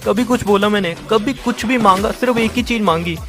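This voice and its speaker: A young man talks through tears, pleading and accusing by turns. His voice sits a little high for a man. Music plays clearly beneath the call. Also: brisk, fairly bright tone. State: crying. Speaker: gamer chatting with his partner. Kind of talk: emotional voice-chat argument. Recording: music playing underneath.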